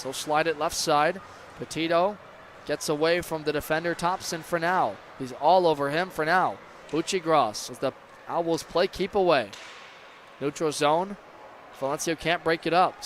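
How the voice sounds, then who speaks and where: High-pitched man calling hockey over noise. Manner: erupts into excited shouts on big plays. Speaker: play-by-play ice hockey commentator. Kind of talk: live sports commentary. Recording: clear background noise.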